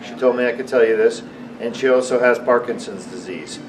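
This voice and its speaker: A man's voice: mid-range voice, fairly quick. Male surgeon, distant mic, noisy room. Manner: explanatory, repeats the answers back. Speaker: surgeon interviewing his patient. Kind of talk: post-operative patient interview to camera.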